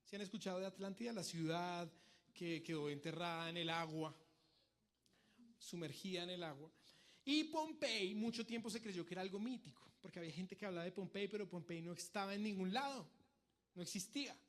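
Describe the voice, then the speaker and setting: High-voiced young preacher man. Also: a little fast. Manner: lively storytelling, acts out shouts and pleas. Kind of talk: sermon.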